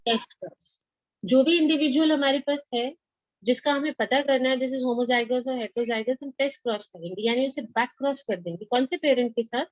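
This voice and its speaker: Very fast-talking Indian woman teaching. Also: high-pitched, dry recording. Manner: questioning, prompting students for answers. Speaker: biology teacher. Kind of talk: interactive lecture mixing English and Hindi. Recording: dull, band-limited lo-fi audio.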